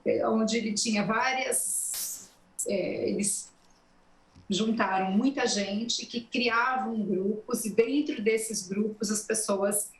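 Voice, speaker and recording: A journalist and election marketing consultant answering interview questions in an explanatory, steady way, with a Brazilian accent from the São Paulo interior. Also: female voice, on the high side, slow, reverberant, low-quality recording. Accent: São Paulo interior Brazilian Portuguese. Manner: explanatory, steady, many "né" tags.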